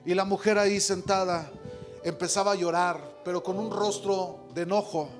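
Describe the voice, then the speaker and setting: A man's voice: sits high, fairly even intonation, normal speed, over music. A male pastor in his thirties preaching a sermon, telling a story and often addressing listeners as brother. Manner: storytelling, calls listeners "hermano", builds to impassioned climax.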